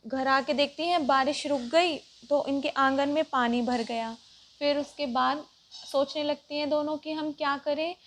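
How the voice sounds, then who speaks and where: A teacher with a high voice guides children through a worksheet, explaining patiently one step at a time and pausing on every example.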